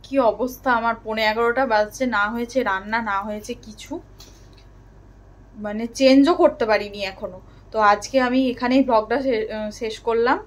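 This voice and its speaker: A woman vlogger in her thirties chatting casually to her viewers, moving between a soft polite voice and a louder, lively one. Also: a little high, normal speed. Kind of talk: casual chat to camera.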